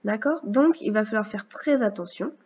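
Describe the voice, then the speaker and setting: A woman teacher giving a recorded phonics lesson, speaking slowly and clearly with patient explanations for a young child. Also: mid-range voice, a little mellow, highs cut off. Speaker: first-grade teacher.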